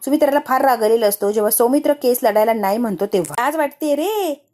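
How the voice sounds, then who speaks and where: Woman doing a casual episode recap, chatty, storytelling, slightly high voice. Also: quick pace, dark tone. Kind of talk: casual retelling of a TV serial episode.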